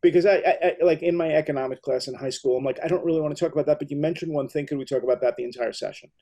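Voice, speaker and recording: A man's voice: a little high, very fast, mellow. A middle-aged American man hosting an interview, telling rambling, enthusiastic stories. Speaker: host. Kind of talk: casual interview talk.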